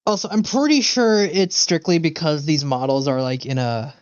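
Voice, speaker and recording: A game livestreamer chats casually with his viewers while playing, rambling and cursing freely. His voice is slightly high at a moderate pace, and the recording is dry and muffled.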